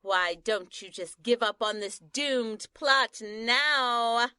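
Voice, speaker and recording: A woman's voice: on the high side, slow, pushed and bright, clean tone, dry recording, clean studio sound. A woman voicing a melodramatic on-scene news reporter, narrating the action as it happens. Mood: dramatic. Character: breathless female news reporter.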